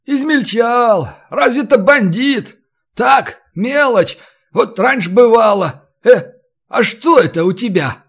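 A man voicing a boisterous, mocking brawler who haggles loudly over a captive. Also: very high voice, lively intonation, slow, voice pushed up, exaggerated voice. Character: boisterous bargaining male brawler, Belarusian.

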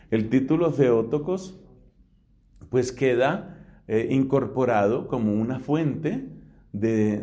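A man's voice: on the low side, mellow. A middle-aged man from Colombia, a priest giving a theology lecture, who explains step by step and poses rhetorical questions that he answers himself.

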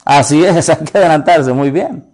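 A man preaching a sermon, retelling conversations with animated storytelling and acting out both sides. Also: on the high side, normal speed. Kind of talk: sermon with retold dialogue.

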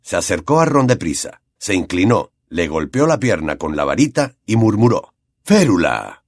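A man with a Latin American Spanish accent giving a dramatic, expressive audiobook reading. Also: lowish voice, moderate pace, no echo, studio quality. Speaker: audiobook narrator. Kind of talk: scripted audiobook narration.

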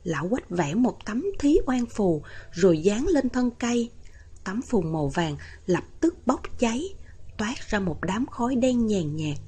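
A woman narrating a novel as an audiobook, reading in an even, steady way. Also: medium pitch, unhurried, breathy edge.

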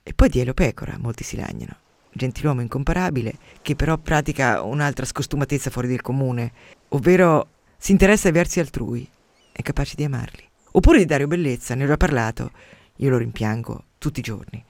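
A man hosting a radio programme, reading a poet's letters aloud and commenting with passion, swinging between sudden loud outbursts and hushed drops. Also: medium pitch, lively intonation, brisk, vocal fry, no echo. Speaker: radio host. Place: radio studio.

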